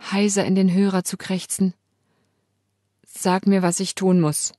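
A woman's voice: fairly low pitch, darkish tone, dry recording, clean studio sound. A woman narrating a first-person novel as an audiobook, with an emotional, dramatic reading.

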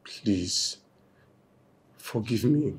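An actor playing a remorseful young man, softly pleading with his partner to forgive him. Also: fairly low pitch, lively intonation, drawn-out words. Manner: pleading, soft and broken.

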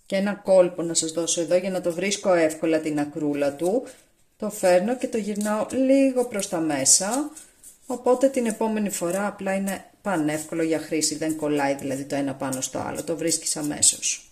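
A woman's voice: lowish voice, warm tone. A woman with a Greek accent chatting casually to viewers as she walks through her cooking steps in a home kitchen, recorded from a camera on the counter. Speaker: cooking vlogger. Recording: echoey kitchen.

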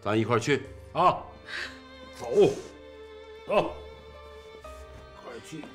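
A man's voice: medium pitch, lively intonation, slow pace, a bit bright, soft background music. An older actor playing a kindly old man who coaxes and fusses over a sick young woman in a TV drama. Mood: coaxing. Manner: coaxing, fussing, repeats himself. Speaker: elderly caretaker. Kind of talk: TV drama acting.

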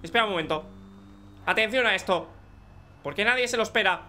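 Excitable young Spanish man, high bright voice, gaming commentary over faint background noise. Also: brisk. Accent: Spanish from Spain. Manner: excitable, joking, talks to teammates. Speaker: gaming YouTuber. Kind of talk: live gameplay commentary.

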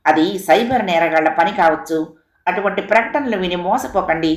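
A woman's voice: lowish voice, moderate pace, natural voice. Formal official announcement, read by a woman. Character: formal government public announcement voice. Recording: echoey room recording.

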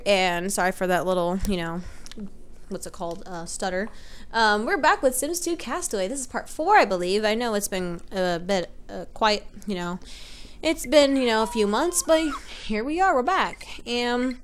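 Here a young woman with a medium-pitched voice plays a video game on camera and chats about it casually. Allergies leave her congested, and she wanders from thought to thought, correcting herself often and sounding unsure, over slight background noise.

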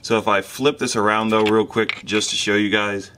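A garage mechanic host in his thirties talks through an engine rebuild step by step in casual narration, recorded by the camera mic as he works at home. His voice is on the low side, with little pitch movement and a normal speed, over background noise.

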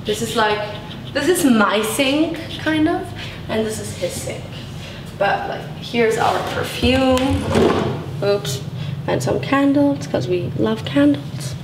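Her pitch is fairly high and her delivery animated but slow, as a bubbly young adult vlogger rambles through a roomy home tour peppered with "like" and "so cool." It's captured on a handheld camera while she moves through a big tiled bedroom and bathroom, with echo and background noise.

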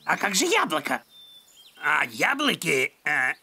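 A voice actor playing a silly, bickering caterpillar boy with a creaky voice in a children's cartoon. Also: mid-range voice, wildly swooping pitch, measured pace, sharp tone, slight background noise, full character voice. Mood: puzzled.

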